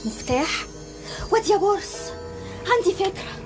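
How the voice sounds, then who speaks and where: A woman's voice: very high voice, animated, normal speed, music in the background. An actress with an Egyptian accent playing a sassy, bickering young woman. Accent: Egyptian Arabic. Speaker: actress in amateur comedy film.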